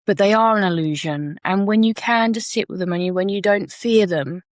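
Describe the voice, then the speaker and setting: A woman's voice: mid-range voice, moderate pace, dry recording, clean studio sound. A woman co-hosting a podcast, telling a personal story frankly and reflectively and swearing casually. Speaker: podcast co-host.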